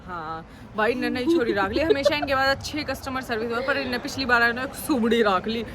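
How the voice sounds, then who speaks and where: A woman's voice: fairly high pitch, quick pace, a loud crowd. Chatty woman vlogging. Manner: chatty, addresses viewers directly, mixes in English. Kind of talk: casual vlog chat. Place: outdoors in rain, then at home. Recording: noisy outdoor phone recording.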